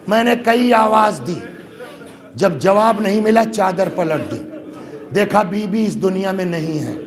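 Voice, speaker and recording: A man from India preaching a majlis sermon to mourners. He asks the listeners rhetorical questions, and his voice swells into loud grieving cries. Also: high-pitched, vocal fry. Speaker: Shia cleric addressing a majlis. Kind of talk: majlis sermon rising to a lament. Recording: live gathering with crowd noise. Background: audience of mourners.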